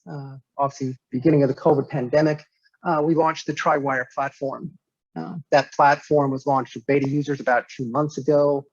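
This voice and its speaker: A man gives an online business presentation over a video call. His voice sits a little high for a man, and he speaks in a measured way, with many "uh" fillers and restarts. The audio is dull and dry, with no room sound. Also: darkish tone, dry recording. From United States, Nevada. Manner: measured, with frequent "uh" fillers and repeated words. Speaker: guest speaker, company director.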